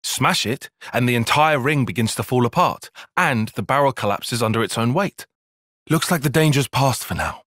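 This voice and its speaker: With a medium, slightly bright voice, a man performs video game cutscene lines as an earnest young soldier in a fantasy setting, precise and formal, serious and analytical. He sounds animated at a moderate pace, recorded in studio quality with no room sound.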